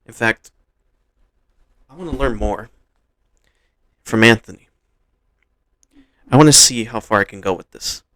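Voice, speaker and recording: A man's voice: medium pitch, a little slow, pauses often, a bit bright, no room sound, close to an everyday voice. A man voicing a small, loyal, cocky male electric mouse creature in a fan-told story, speaking in an upbeat, friendly teasing way. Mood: eager.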